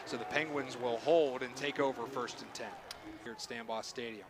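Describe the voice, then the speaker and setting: A man's voice: mid-range voice, fairly even intonation, normal speed, noisy background. A man calling live football play-by-play in short phrases that follow the action. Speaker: play-by-play announcer. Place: stadium broadcast booth.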